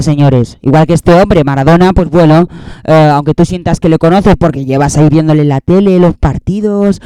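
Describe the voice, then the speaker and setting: A man's voice: a little high, mellow, smooth, no room sound. A young man with a Spain Spanish accent, hosting a casual, rambling, sarcastic year-end monologue that keeps repeating itself. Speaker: host.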